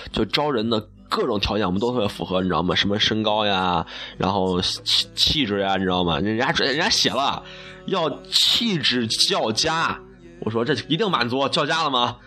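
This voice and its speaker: A man's voice: on the low side, sharp tone. A young man from Xi'an, telling funny stories in a chatty, self-mocking way. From Xi'an, China. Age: young adult. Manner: chatty, self-mocking, laughs at own jokes. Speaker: broadcasting student. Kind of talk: casual storytelling monologue.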